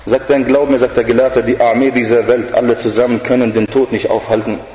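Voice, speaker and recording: A man's voice: medium pitch, flat delivery, fairly quick, warm tone, a little hiss or hum. A male preacher giving a sermon in an earnest, emphatic way, mixing in Arabic religious phrases, in an echoey hall with dull sound.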